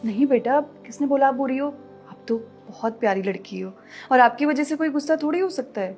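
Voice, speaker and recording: A meek, gentle young mother. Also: sits high, brisk, soft background music. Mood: soothing. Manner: gentle, pleading, soothing. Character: meek, loving young mother and daughter-in-law. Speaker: daughter-in-law. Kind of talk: family short-film acting.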